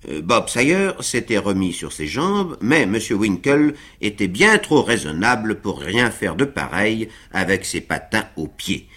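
A man reading a classic novel aloud for radio with unhurried, expressive narration. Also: on the low side, breathy edge. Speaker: reader of a novel.

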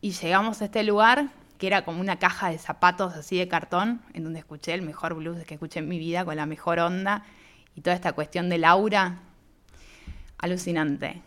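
A radio interview guest from Argentina, this woman has a fairly low-pitched, brisk voice and an Argentine Spanish accent. In a lively, casual way she recounts a travel anecdote, playing both people in the conversation and using "me dice" to reenact it.

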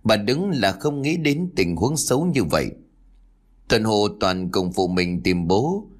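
A man narrating a ghost story in a lively storytelling manner. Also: fairly low pitch, unhurried.

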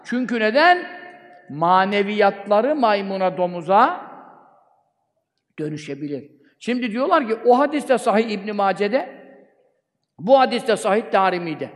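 A man's voice: sits high, lively intonation, moderate pace, pauses often. A man preaching a sermon from a pulpit microphone, fervently asking rhetorical questions and answering them himself. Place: speaking from a pulpit. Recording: long hall reverb.

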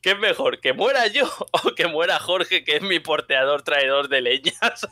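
Bright, animated Spanish man telling stories. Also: a little high, moderate pace, no echo. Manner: animated storytelling, frequent laughter. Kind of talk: casual chat.

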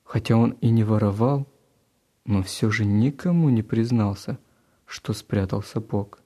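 A man narrating a children's story in a calm, measured reading. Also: lowish voice.

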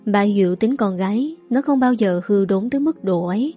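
A woman narrates a dramatic village story in a calm, measured audiobook style. Her voice is mellow and warm at a middle pitch. Soft music sits faintly underneath.

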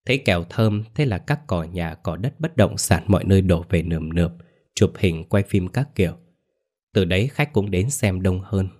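A man narrating a scripted ghost story in a steady, even way. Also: low-pitched.

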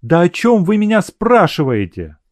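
A man voicing a flustered, guilt-ridden young woman who speaks softly and pleadingly in a storybook reading. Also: high-pitched, wildly swooping pitch, normal speed, dry recording, clean studio sound, voice pushed up. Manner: soft and pleading.

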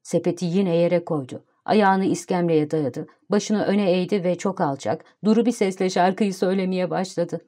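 A woman narrating a literary audiobook in a calm, even storytelling manner. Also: on the low side, normal speed, hardly any pauses.

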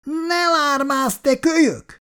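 A shrill, quarrelsome neighbor woman, high and sharp, snapping with lively rises and falls, as a male reader puts her on. She scolds and threatens without pause in a read-aloud tale. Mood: angry.

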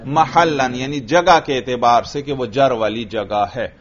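Pakistani man drilling a class. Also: mid-range voice. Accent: Pakistani Urdu. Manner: drills the class with quick questions and repeats their answers. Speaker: religious teacher. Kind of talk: classroom grammar lecture. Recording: dull lo-fi classroom recording.

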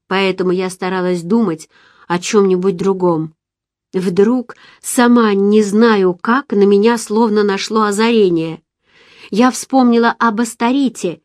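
A woman's voice: mid-range voice, a little mellow, no room sound, studio quality. Woman narrating an audiobook. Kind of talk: first-person novel narration.

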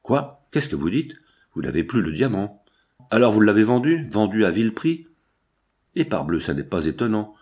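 A man voicing a shabby, suspicious male accomplice who is quick to anger and hurls indignant accusations in a storybook reading. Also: fairly low pitch, big pitch swings, darkish tone. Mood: furious.

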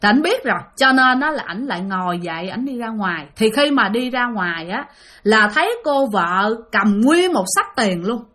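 A woman's voice: fairly high pitch, expressive, normal speed, fairly bright tone. A woman with a Southern Vietnamese accent telling a ghost story chattily, often addressing her listeners.

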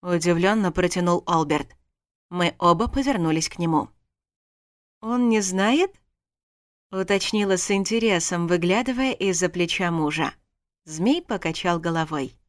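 A woman's voice: lowish voice, normal speed, no echo, studio quality. A woman narrating a first-person story as an audiobook, reading expressively.

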